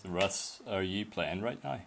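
Deep-voiced man streaming a game. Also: unhurried, gravelly, noisy background. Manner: chatty, swears at bad shots, chats with friends on voice. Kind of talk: casual live game commentary.

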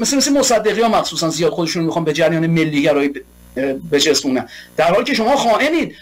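A man giving an impassioned political monologue, heated and rhetorical, building long repeated lists. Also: high voice. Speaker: political commentator.

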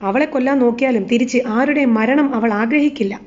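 Woman recapping as sharp-tongued young wife, raised voice, mellow tone, dull audio. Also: fairly high pitch, fairly quick, natural voice. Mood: indignant. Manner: indignant, accusing retorts. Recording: slightly dull lo-fi recording.

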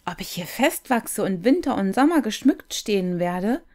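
Naive, yearning young fir tree, a woman voicing him, wondering aloud in soft, half-whispered musings; storybook reading. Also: mid-range voice, big pitch swings, normal speed, lightly acted.

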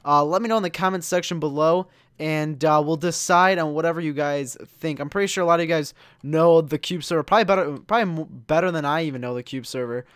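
A man's voice: fairly high pitch, quick pace, few pauses, clean tone, no room sound, clean studio sound. A man hosting a gaming video, chatting casually in a rambling way with lots of fillers and nervous laughs. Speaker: gaming channel host. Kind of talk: casual gameplay commentary.

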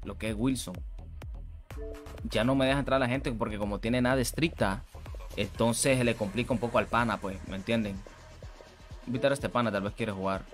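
A man's voice: medium pitch, fairly even intonation, a little fast, long pauses, faint music behind. A young man, chatting casually with viewers while streaming a fighting game, slangy and repetitive. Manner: slangy, repeats himself, greets viewers. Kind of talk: casual live-stream chat while gaming.

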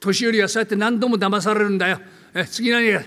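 An older man from Tokyo with a downtown Tokyo accent, playing a brash, bullying male tenant in a comic storytelling act, gruff and teasing. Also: high voice, steady tone, quick pace, a bit bright, in a large hall. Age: 70s. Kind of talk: rakugo storytelling.

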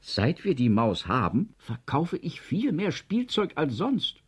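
A man's voice: on the high side, wildly swooping pitch, slow, husky, voice pushed up, full character voice. A man doing a meek, kindly shopkeeper. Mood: earnest.

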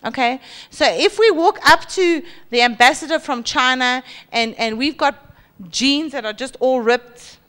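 A woman in her forties with a South African accent, preaching a sermon on a church stage into a handheld mic and mimicking boastful people. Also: unhurried. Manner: lively, acts out boastful voices with high pitch jumps. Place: large church hall stage.

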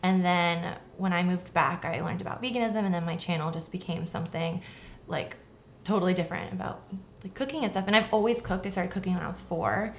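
A woman's voice: lowish voice, fairly quick, a little hiss or hum. A young woman from southern Florida, co-hosting a casual chat and talking in a chatty, rambling way with lots of fillers. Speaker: co-host.

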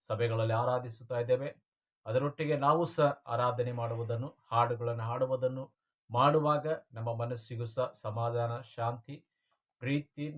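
Formal man giving a devotional address. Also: medium pitch. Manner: formal preacher-like cadence with repeated blessings. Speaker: channel host introducing a devotional song.

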